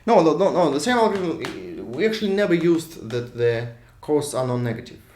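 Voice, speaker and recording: A Russian man lectures at a university whiteboard in a slightly high, darkish voice with big pitch swings and a moderate pace, speaking with a Russian accent. He thinks aloud while drawing, often restarting and repeating words. The lecture hall is echoey, and his voice drifts away from the mic.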